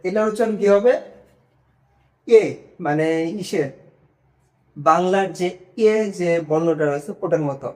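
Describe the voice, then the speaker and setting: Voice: medium pitch, normal speed, darkish tone. A language teacher giving an online lesson, patiently drilling single sounds one by one and often checking that learners follow. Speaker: Chinese pronunciation teacher.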